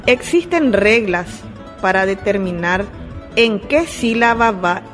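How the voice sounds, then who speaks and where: Slow, careful woman teacher. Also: medium pitch, lively intonation, over music. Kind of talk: slow classroom explanation.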